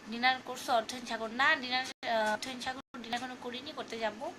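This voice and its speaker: A woman's voice: on the high side, little pitch movement, fast talker, background noise. A woman hosting a casual live stream, reading fan comments aloud in a chatty, teasing way and singing snatches of song. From Bangladesh.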